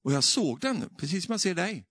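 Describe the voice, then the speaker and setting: A man's voice: high voice, very animated, fairly bright tone, slightly rough, no room sound, studio quality. A man preaching a sermon testimony, telling his story with frequent tag questions and building to fervent, emphatic preaching.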